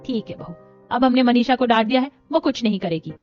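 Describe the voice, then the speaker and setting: A man voicing an older, caring mother-in-law in an animated story, gentle and concerned. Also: very high-pitched, a little fast, pitched above the performer's own voice. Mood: calm. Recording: dull lo-fi with music.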